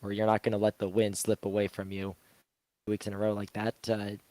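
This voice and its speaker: A man's voice: on the low side, completely flat delivery, fast talker, warm tone, no echo, rough recording. A man with a sick voice, co-hosting a race broadcast and asking rambling questions.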